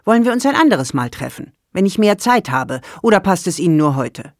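Narrator reads frail elderly mother, proud and confused; gravelly, dry close read. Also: medium pitch, big pitch swings, brisk, no room sound, pitched above the performer's own voice. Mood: polite. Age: older. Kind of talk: audiobook character dialogue.

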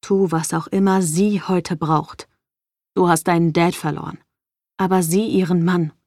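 A woman's voice: on the low side, fairly even intonation, unhurried, darkish tone, dry recording. Curt, arrogant young man, cold and lecturing; a woman reads him, dry close sound.

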